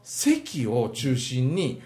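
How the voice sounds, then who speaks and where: A man's voice: mid-range voice, extremely slow, roomy sound. A man from Mie with a Kansai-style Mie dialect, chatting casually and telling stories with laughter. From Mie, Japan. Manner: animated, laughing storyteller. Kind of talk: casual chat.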